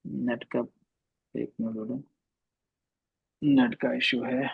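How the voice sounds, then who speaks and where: A man's voice: mid-range voice, level tone, drawn-out words, vocal fry, breathy edge, dry recording, narrow, tinny audio. A male teacher giving an online class, patiently checking that students follow, his voice breaking up over a bad internet connection. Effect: voice breaking up over a bad internet call. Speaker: Quran recitation teacher.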